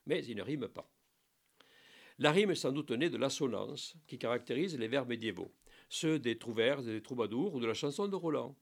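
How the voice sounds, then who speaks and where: A man giving a spoken lesson on French verse, explaining in a lively teaching manner with playful asides and recited lines. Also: mid-range voice.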